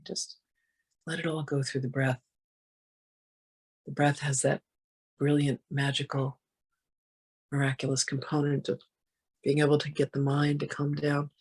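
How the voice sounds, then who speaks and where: Soft and breathy, this guided meditation voice holds an even, narrow pitch. It speaks gently and soothingly, letting unhurried phrases drift apart with long pauses.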